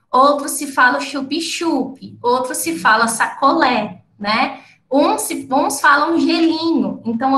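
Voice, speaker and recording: A woman's voice: sits high, a bit bright, roomy sound. A woman from the interior of São Paulo state with a caipira accent, giving an explanatory academic talk and often checking in with her listeners. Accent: caipira, interior São Paulo Portuguese. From interior of São Paulo state, Brazil. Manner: explanatory, frequent tag questions. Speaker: lecturer.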